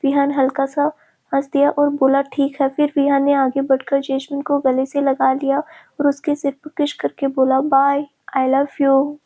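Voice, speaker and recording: A woman narrating a family love story in a steady, even reading. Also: high voice, moderate pace.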